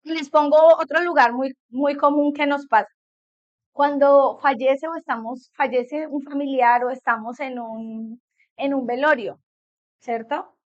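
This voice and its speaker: A woman's voice: high voice, steady tone, measured pace. A middle-aged woman psychologist giving a conversational talk to a group of parents, often checking in with her listeners. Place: meeting room with an audience. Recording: dull lo-fi recording.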